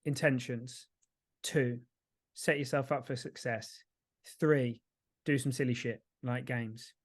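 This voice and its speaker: Speaking slowly in a medium pitch with a steady tone, a man co-hosting a sober-living podcast coaches through loose, casual chat. He rambles somewhat and interrupts his own sentences.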